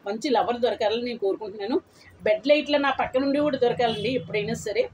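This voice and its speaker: A woman's voice: on the high side, fast, crowd noise, rough recording. A woman in her eighties chatting bluntly and at length to her viewers in a casual vlog. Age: 80s. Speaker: vlogger. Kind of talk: casual chat to camera.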